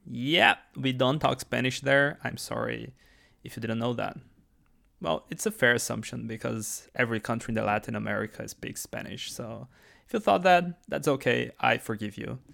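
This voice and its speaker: A Brazilian man in his twenties, a native Portuguese speaker with a Brazilian Portuguese accent, hosts a solo podcast in a chatty, enthusiastic way full of restarts and asides. His mid-range voice is gravelly and sharp at a moderate pace.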